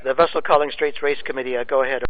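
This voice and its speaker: A man speaking through a crackly two-way radio, his voice squeezed thin like a phone line with a faint hiss underneath. He runs radio procedure as a race committee operator, halting and filling gaps with "uh". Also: medium pitch, fairly even intonation. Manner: halting, with frequent "uh" fillers. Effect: crackly two-way radio transmission. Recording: crackly narrow-band radio with static.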